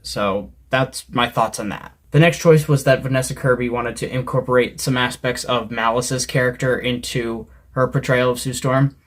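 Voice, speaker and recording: A man hosting a casual opinion commentary video, talking in a conversational, opinionated way with some hesitant fillers. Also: mid-range voice.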